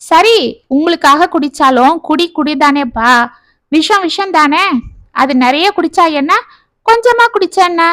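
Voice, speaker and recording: A woman's voice: sits high, measured pace, fairly bright tone, no echo. A woman voicing a determined college-age daughter who pleads insistently with her father in a storybook tale. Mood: pleading.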